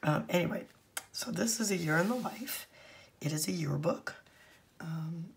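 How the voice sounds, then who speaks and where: Hoarse, croaky woman who has lost her voice. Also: fairly low pitch, unhurried. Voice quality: husky, croaky, often breaking into a whisper. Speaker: craft channel host. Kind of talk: casual craft project walkthrough.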